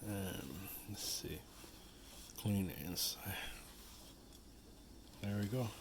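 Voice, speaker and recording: A man hosting a product video gives a casual hands-on how-to, his voice on the low side and extremely slow. He rambles and repeats himself, dropping in frequent "you know" asides, with background noise behind him.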